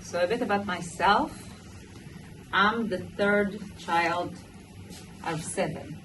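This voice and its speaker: A woman's voice: lowish voice, slow pace. A woman with a Moroccan-influenced Israeli accent telling a personal story to a group, often restarting and rephrasing her sentences. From Israel, small moshav near Modi'in. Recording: noisy, distant microphone.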